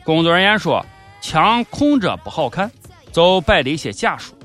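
A man's voice: a little high, big pitch swings, moderate pace, fairly bright tone. A man with a Shaanxi accent delivering comedic scripted news commentary as a host, in a sardonic, mock-serious manner. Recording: background music under the voice. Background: music.

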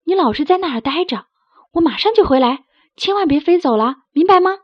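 A woman voicing an eager, proud young male sheep in a storybook, calling out excitedly. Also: very high-pitched, brisk, dry recording, voice pushed up. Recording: dry, slightly dull recording.

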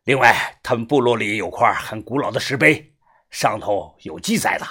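A gruff, foul-mouthed middle-aged man, as an audiobook narrator puts him on, husky and breathy, sinking into a low grave tone. His pitch still moves about a lot as he talks. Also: lively intonation, normal speed, bright, forceful tone, exaggerated voice. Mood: grim. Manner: swearing, lowered grave tone when explaining. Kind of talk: audiobook character voice.

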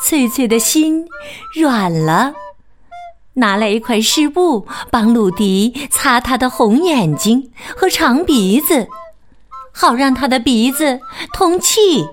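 Slow, sing-song woman storyteller. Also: a little high, animated. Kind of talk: children's story reading.

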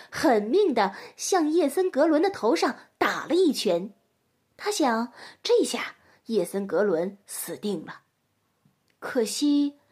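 A woman reading a children's story aloud in a gentle, expressive storytelling manner. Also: sits high, husky.

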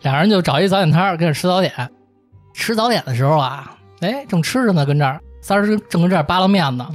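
A man's voice: high-pitched, animated, fast talker. Beijing-accented man telling stories over music. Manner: acts out characters' dialogue as he narrates. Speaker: host telling a history story. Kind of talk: casual, colloquial storytelling with banter.

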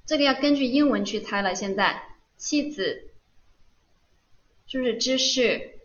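A woman's voice: on the high side, unhurried, fairly bright tone, dull audio. A woman teaching Korean in an online lesson, patiently asking questions and answering them herself. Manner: patient, asks and answers her own questions.

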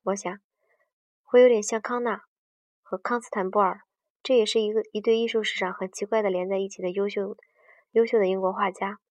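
A woman with a medium-pitched, steady, slightly mellow voice reads a book aloud at a brisk pace, often stumbling, restarting, and correcting herself mid-sentence. There's no echo, and the recording sounds dull, distant, and dry.

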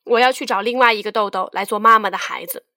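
A woman voicing a curious, stubborn little boy in a children's story, with high, loud, excited calling. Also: fast talker, dry recording, clean studio sound. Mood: sulky.

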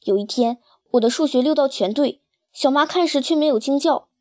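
Woman storyteller, high pitch, dry close sound, expressive and emotional first-person reading. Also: brisk, no room sound.

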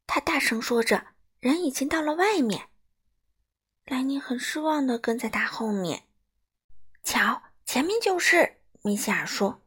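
A woman's voice: high-pitched, expressive, normal speed, fairly bright tone, breathy edge. Sing-song woman reading a children's story.

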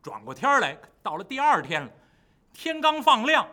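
A man performing a traditional storytelling piece, talking to the audience in an animated way. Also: extremely high pitch, moderate pace. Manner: lively, animated, addresses the audience.

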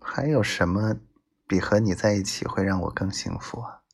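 A man delivering an intimate romantic monologue like a possessive, domineering lover, intense and at times breathy. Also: low-pitched, moderate pace. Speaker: narrator of love monologues addressed to his wife.

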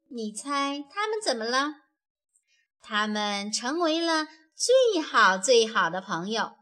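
A woman narrating a children's storybook in a gentle, expressive way. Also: a little high. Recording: faint background music.

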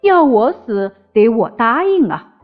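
A woman's voice: fairly high pitch, very animated, measured pace. A woman voicing a brash, fearless young man in a storybook reading. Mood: cocky. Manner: cocky, brash. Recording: slightly dull with faint music.

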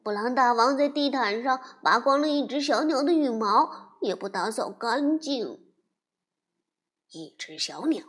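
A woman reading a children's storybook aloud in a gentle, even storytelling manner. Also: high-pitched, normal speed.

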